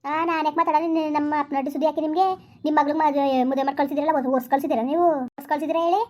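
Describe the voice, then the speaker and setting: A harried young village housewife, played by a woman, talking back and complaining at a rapid clip. Her voice is high and quick. It suits a rustic comedy skit. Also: fairly even intonation, natural voice. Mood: defiant. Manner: defiant, complaining.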